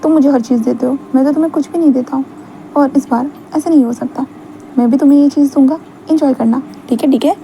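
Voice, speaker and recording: A woman's voice: high voice, fairly even intonation, fast, mellow, a little hiss or hum, rough recording. Wing, a woman voicing a stammering shy young man. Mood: flustered. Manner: stammering, hesitant.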